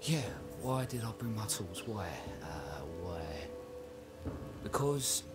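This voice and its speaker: An actor playing a nervous, guilt-ridden village blacksmith in a video game, hesitant, rambling and flustered. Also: male voice, fairly low pitch, big pitch swings, takes it slowly, over loud music. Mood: haunted, frantic. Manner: hesitant, rambling, flustered, voice leaps when agitated. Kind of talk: dramatic video game acting.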